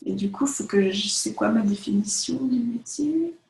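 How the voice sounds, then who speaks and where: A woman's voice: on the high side, normal speed, creaky. Chatty woman vlogging in an echoey room. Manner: chatty, animated, direct address with many fillers. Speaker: vlogger, photographer. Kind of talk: casual chat to camera.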